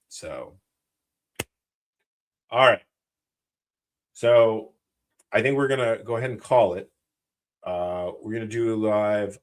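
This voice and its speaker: An American man hosting a live Q&A stream, talking bluntly and rambling, with heavy swearing. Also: mid-range voice. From United States. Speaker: channel host, former special operations soldier.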